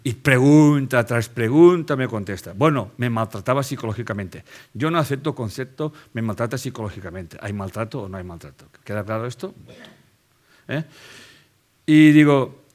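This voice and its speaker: A man's voice: mid-range voice, animated, moderate pace, a little mellow. A man with a Spanish accent from Spain, giving a live lecture to an audience and driving his points home with rhetorical questions and tag checks.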